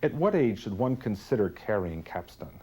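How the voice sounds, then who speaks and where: A man's voice: lowish voice, very animated, normal speed, background noise. A man acting as interviewer in an infomercial, putting questions to a guest.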